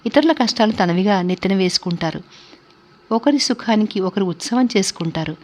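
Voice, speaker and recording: A woman narrating a novel aloud in a steady, measured reading. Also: medium pitch. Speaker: audiobook narrator. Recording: dull lo-fi recording.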